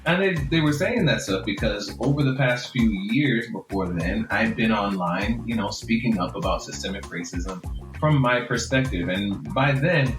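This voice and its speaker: A man's voice: mid-range voice, expressive, normal speed, soft background music. A man with a Jamaican accent, telling his story as a podcast guest in an earnest, reflective way and laughing often. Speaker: guest author. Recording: roomy echo.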